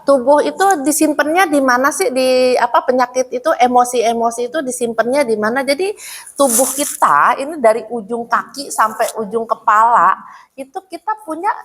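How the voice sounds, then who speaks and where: A woman with a somewhat high, husky voice gives a casual, chatty teaching talk. She speaks straight to her listeners, calling them "Bu", and drops into the voices of the people she describes. She is recorded in a prayer room. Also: moderate pace, a bit bright. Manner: chatty, addresses listeners as "Bu", acts out quoted mothers. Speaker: health speaker at a women's study group.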